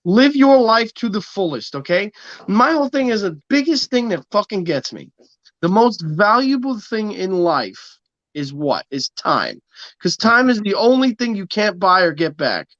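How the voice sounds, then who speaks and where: A man's voice: sits high, big pitch swings, normal speed, a bit bright, no echo, highs cut off. A man in his early thirties hosting a podcast, ranting emphatically and preachily with lots of swearing. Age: 30s. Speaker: podcast host. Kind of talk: casual podcast rant.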